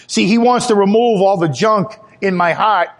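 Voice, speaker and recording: A man giving a sermon, earnest and personal, telling his own testimony and growing louder and higher when he stresses a point. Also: moderate pace. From Italian heritage. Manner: earnest testimony, rises in pitch when emphatic. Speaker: preacher.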